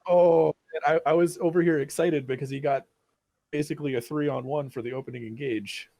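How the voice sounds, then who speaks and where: A man co-commentating a tabletop game on a livestream, thinking aloud with pauses. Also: mid-range voice, steady tone, mellow.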